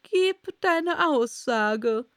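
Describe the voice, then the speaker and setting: A woman's voice: high-pitched, expressive, slow pace, a bit bright, dry recording, studio quality, pitched above the performer's own voice, exaggerated voice. A woman voicing an irritable male king who speaks angrily and threatens. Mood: angry. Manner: angry, threatening.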